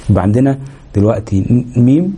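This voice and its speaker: A man with an Egyptian Arabic accent gives a lesson on recitation rules. His voice is very dark and somewhat husky, and he talks at a fast clip. He breaks up his explanations with fillers and checks in with his listeners as he goes. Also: medium pitch, animated. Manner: explains step by step, pauses with fillers, checks understanding. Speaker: Quran recitation teacher.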